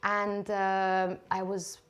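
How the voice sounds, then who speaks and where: Soft-spoken woman from Lebanon. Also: medium pitch, completely flat delivery, drawn-out words, clear, resonant tone. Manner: soft-spoken, many fillers and restarts. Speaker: guest, shoe designer. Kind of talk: relaxed interview conversation.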